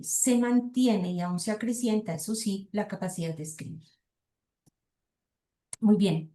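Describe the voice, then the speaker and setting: Her voice is medium in pitch and mellow, and the space is reverberant. A middle-aged woman with a Colombian Spanish accent lectures academically, reading passages aloud, thinking aloud, pausing hesitantly and often addressing her listeners with rhetorical asides.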